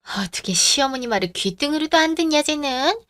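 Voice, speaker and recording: A woman playing a stubborn, scolding older mother-in-law in a radio drama, sharp-tongued and nagging. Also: high-pitched, lively intonation, fairly quick. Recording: dry close studio sound.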